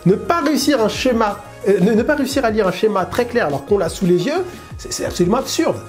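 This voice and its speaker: A man's voice: high voice, animated, quick pace, soft background music. A man with a Parisian accent and a blocked nose, chatting in a casual drone-building vlog with many fillers and restarts. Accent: Parisian French. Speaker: FPV drone YouTuber.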